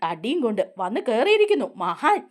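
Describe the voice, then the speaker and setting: A woman voicing a harsh, scornful older male schoolteacher who scolds and insults in a raised, lively voice. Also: a little high, a little fast. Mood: angry, scornful.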